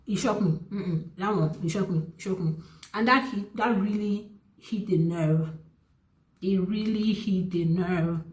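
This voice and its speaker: A young Nigerian woman tells a personal story straight to the camera, earnest and animated, often stopping to rephrase. Her voice sits in a middle pitch and leaps up when she stresses a point. The room is echoey around her. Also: unhurried. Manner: earnest and animated, with many restarts and pitch jumps for emphasis. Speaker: vlogger. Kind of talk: casual storytelling.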